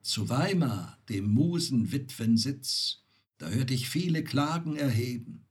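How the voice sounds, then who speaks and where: A man voicing a weary, mocking knight back from his travels, recited slowly and dryly as poetry. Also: mid-range voice, expressive, slightly rough. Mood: wry. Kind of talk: poetry reading.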